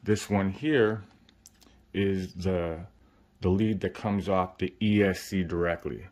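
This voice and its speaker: A man's voice: low-pitched, takes it slowly, a little mellow, a little hiss or hum. A man giving a casual, informal step-by-step how-to, his speech slightly muffled by a face swollen after surgery. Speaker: RC hobbyist host. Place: indoor hobby workbench.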